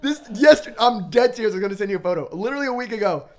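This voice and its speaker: A man chatting casually on a podcast, earnest about thanks and animated when telling stories about friends. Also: high voice, racing, a crowd in the background. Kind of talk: casual chat.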